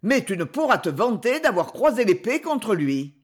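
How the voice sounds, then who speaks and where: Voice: mid-range voice, big pitch swings, moderate pace. A reader doing a sneering, haughty duke. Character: arrogant scornful nobleman duke, sneering.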